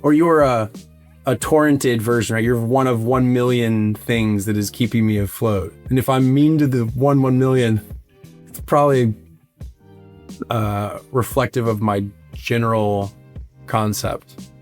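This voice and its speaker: A man with an even, mid-range voice talks candidly in an interview, rambling, looping back with "like" and "right?". Now and then he jumps into high, excited voices to mimic fans. Faint music sits under him in the studio. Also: unhurried. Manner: rambling, animated, full of "like" and "right?". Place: recording studio.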